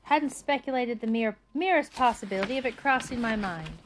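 A woman voicing a flustered, pompous middle-aged male official who talks in halting, fussy bursts in an audiobook reading. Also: a little high, animated, slight background noise, close to an everyday voice. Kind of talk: audiobook character voice.

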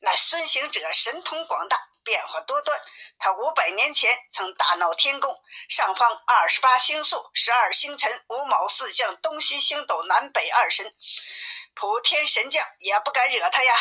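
A woman's voice: on the high side, animated, moderate pace, bright, forceful tone, breathy edge, heavily acted. A woman voicing a timid little male demon minion in a storybook reading. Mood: awed. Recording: tinny phone-like sound.

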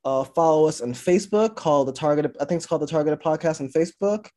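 A man's voice: on the high side, quick pace, mellow. A young man co-hosting a podcast in casual chat, laid-back and rambling with lots of fillers. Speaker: podcast co-host.

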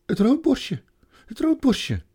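A man reading a storybook aloud and voicing a frightened young girl with high, excited cries. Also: a little fast, slightly rough, full character voice. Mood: alarmed.

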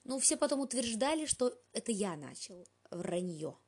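A woman's voice: a little high, big pitch swings, moderate pace, a little mellow, breathy edge. A woman reading an audiobook aloud, telling the story in a dry, ironic first-person way. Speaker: audiobook reader. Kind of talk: audiobook narration.

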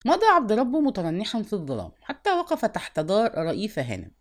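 A woman narrating a literary novel as an audiobook, with expressive, varied intonation. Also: medium pitch, fast.

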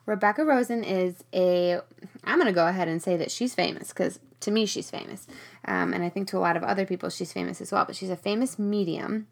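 A woman's voice: mid-range voice, fairly quick, vocal fry. A woman hosting a podcast in a casual, chatty monologue, recorded in a small storage room with rain on the tin roof. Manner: chatty, conversational. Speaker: podcast host.

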